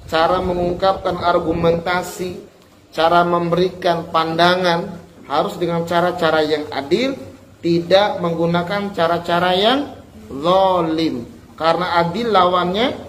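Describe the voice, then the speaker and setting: A male religious teacher giving a study lesson to students. He chants Arabic text slowly, then explains it in lively, repetitive everyday speech. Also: high voice, a little hiss or hum, low-quality recording.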